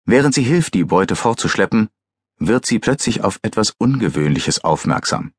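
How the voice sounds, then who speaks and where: A man reading an audiobook as narrator, calm and measured, on a close studio mic. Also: on the low side, husky, dry recording.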